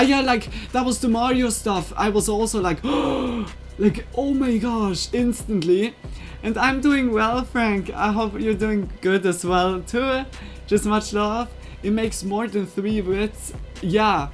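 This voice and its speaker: A woman chatting casually and giggling on a live stream, with loose non-native phrasing, into a USB desk microphone. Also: medium pitch.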